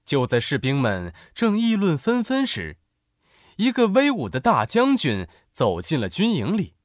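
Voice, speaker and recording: A man narrating a children's story in an expressive, animated way. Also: a little high, a little slow, no room sound, clean studio sound.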